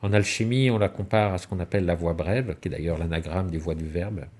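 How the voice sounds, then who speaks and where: A man's voice: low voice, quick pace, darkish tone. A man giving a spiritual talk on alchemy and symbolism, telling stories with rhetorical questions and sudden rises and falls in his voice. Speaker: lecturer.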